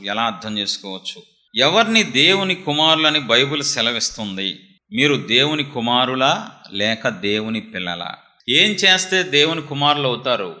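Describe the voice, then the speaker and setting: A male preacher whose voice is piercingly sharp and forceful. He scolds and drives his points home with rhetorical question after question. He preaches an insistent sermon. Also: mid-range voice.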